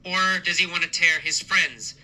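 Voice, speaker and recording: Bright-voiced man teaching by questions. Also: fairly high pitch, poor audio. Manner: slow, repetitive, emphatic questioning. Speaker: English teacher. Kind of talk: question-and-answer story lesson.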